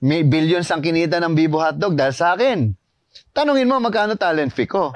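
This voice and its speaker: A man with a Filipino accent, an animated and emphatic voice actor guest chatting in an interview. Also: fairly high pitch, fairly quick, no echo. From Philippines. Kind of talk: casual interview chat, Tagalog-English mix.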